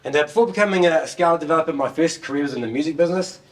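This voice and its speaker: A man's voice: fairly high pitch, rapid-fire. Distant-miked New Zealand man presenting. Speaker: software developer giving a talk. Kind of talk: informal tech presentation. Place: indoor meeting room, standing at a laptop beside a screen. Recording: distant room microphone.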